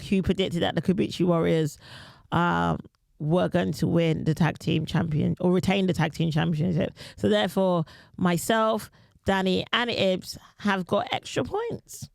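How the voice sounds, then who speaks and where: A woman's voice: fairly low pitch, unhurried, creaky, darkish tone, no room sound. A woman hosting a podcast, giving blunt, dry opinions in casual chat. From London. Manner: blunt, dry, recapping matches. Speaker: podcast host, comedian.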